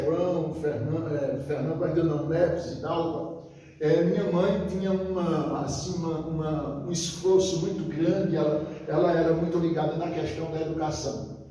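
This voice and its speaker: A man's voice: on the high side, mellow. An older man from Northeast Brazil telling stories from his childhood in an interview, often stopping to correct himself. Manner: rambling, many restarts, reminiscing. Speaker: interviewee, retired teacher and writer. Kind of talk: relaxed storytelling interview. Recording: echoey, distant, long reverb.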